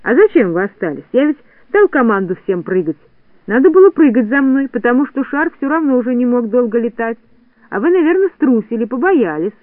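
A clever little fairy-tale shorty, as a male reader puts him on, sounding high and lifted above ordinary talk. He reasons with mild puzzlement. The recording is thin and phone-like, with a dry, close sound. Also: sing-song, a little fast, no room sound. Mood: puzzled, reasoning. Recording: dry phone-like narrowband audiobook.

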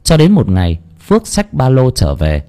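A man's voice: medium pitch, huge pitch swings, moderate pace, dark tone. A man narrating an audiobook story expressively.

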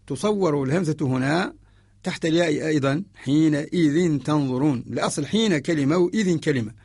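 A man from Mauritania giving a radio lesson on Quran orthography. He explains each point in a measured way and chants the verses he quotes. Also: a little high, vocal fry, a little mellow, slightly rough, no echo, studio quality.

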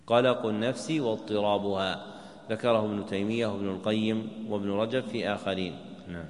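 A man, a sheikh teaching a class, gives measured commentary on a text and quizzes his students. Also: on the low side, fairly even intonation. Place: mosque. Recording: echoey mosque hall.

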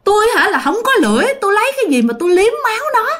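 A woman's voice: very high-pitched, very animated, rapid-fire, a bit bright, pitched above the performer's own voice, heavily acted. A woman voicing a wailing young female ghost with a long tongue, sobbing and crying out.

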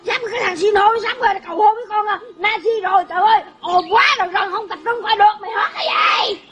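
A woman playing a shrill, bickering drama-addict wife. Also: quick pace, muffled recording, a crowd in the background. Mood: exasperated. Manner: shrill, scolding, exclamatory. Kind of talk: live comedy sketch.

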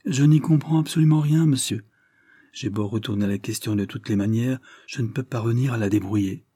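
A man's voice: medium pitch, brisk, warm tone, husky, dry recording, clean studio sound, close to an everyday voice. A man voicing a worried, deferential butler who apologizes and protests earnestly. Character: anxious middle-aged male butler, deferential.

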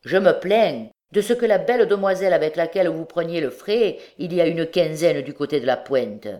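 A woman voicing an insolent male beggar who talks in a cheeky, sneering and loud way in an audiobook. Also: fairly low pitch, brisk, lightly acted. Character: insolent older male beggar, brazen and mocking.

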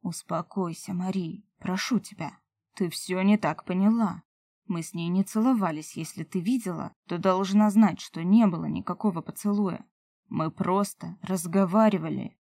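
A woman's voice: lowish voice, normal speed, vocal fry, a little mellow, dry recording. Woman voicing a pleading male elf lover.

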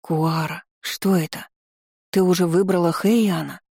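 A bossy little she-dragon snaps and grumbles at the others, as a storyteller puts her on. The voice sounds warm and mellow. It is recorded close and dry for an audiobook reading. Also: medium pitch, steady tone, unhurried, vocal fry, breathy edge, no room sound. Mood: grumbling. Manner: snappy, grumbling. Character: bossy sharp-tongued female pet dragon.

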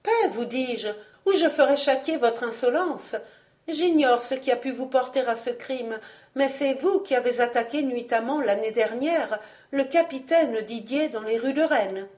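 A woman reading aloud, voicing a proud, indignant young noblewoman with an accusing, high-strung manner. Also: unhurried, darkish tone.

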